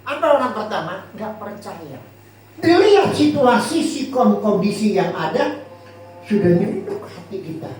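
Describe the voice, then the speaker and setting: A male pastor preaching a sermon to a congregation, lively and jokey, often asking them questions. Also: high-pitched, a little slow. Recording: echoey hall from far off, faint noise.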